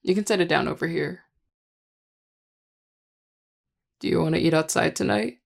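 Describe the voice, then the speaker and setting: A performer voicing a charming, affectionate vampire lover in an intimate audio role-play, teasing and tender in a relaxed, gravelly voice. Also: mid-range voice, fast. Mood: playful, teasing. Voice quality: gravelly, heavy vocal fry. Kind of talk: intimate audio role-play, one-sided dialogue to listener.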